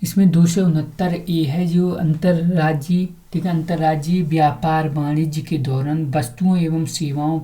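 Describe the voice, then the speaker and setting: A woman's voice: low-pitched, fairly even intonation, normal speed, few pauses, mellow. A woman teaching an exam-prep lecture, asking questions and repeating the answers to drill them.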